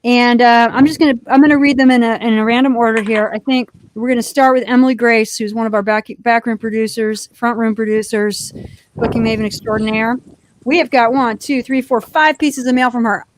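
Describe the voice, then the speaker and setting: Chatty woman co-host, a bit high. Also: fairly even intonation, a little fast, a little hiss or hum, low-quality recording. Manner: chatty, reads postcards aloud, laughs easily. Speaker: co-host of a live postcard show. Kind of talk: casual live-stream chat.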